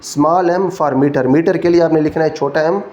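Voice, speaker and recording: A man's voice: fairly high pitch, steady tone, a little slow, a little mellow, highs cut off. A man with a Pakistani Urdu accent giving a physics lecture, explaining each rule step by step and checking in with his students. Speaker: physics teacher. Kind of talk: classroom lecture.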